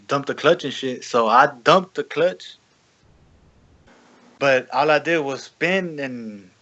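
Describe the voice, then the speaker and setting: A man's voice: medium pitch, sharp tone, muffled recording. A young man in casual chat, self-deprecating, swearing freely and stammering.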